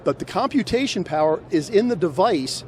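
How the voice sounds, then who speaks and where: Speaking into a handheld mic at a trade show, a middle-aged man pitches products in an animated, conversational way, his high voice moving at a moderate pace. The setting is a big, crowded indoor exhibition hall whose background noise comes through clearly on the recording.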